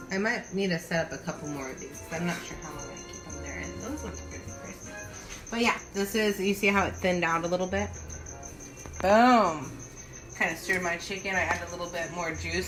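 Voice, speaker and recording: A woman giving a casual home cooking demo, chatting informally and thinking aloud in a loose, giggly, tipsy way. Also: on the low side. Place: home kitchen. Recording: noisy home recording with kitchen ambience.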